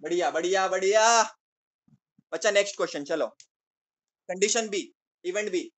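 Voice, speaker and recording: A man's voice: high-pitched, normal speed. A man tutoring maths, coaxing students to answer and teasing them with playful praise. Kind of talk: online class teaching.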